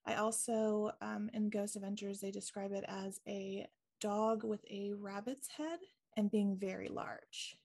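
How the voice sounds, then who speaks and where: A woman co-hosting a podcast tells a ghost story casually at a measured pace, her medium-pitched voice mellow, flat, and marked by vocal fry. Ums and likes come up constantly. She's chatty and laughs with ease.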